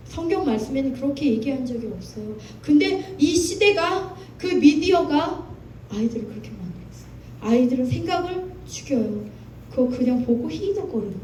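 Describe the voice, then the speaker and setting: A woman's voice: high voice, expressive, normal speed, mellow, slight background noise. Impassioned woman preaching in an echoey church. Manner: impassioned, acts out quoted voices of God and youth. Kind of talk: sermon. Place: church sanctuary. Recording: echoey hall, mic at a distance, music behind.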